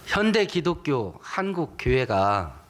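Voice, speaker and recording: A man's voice: mid-range voice, sing-song, slow pace. A male pastor preaching a sermon, emphatic and asking the congregation rhetorical questions.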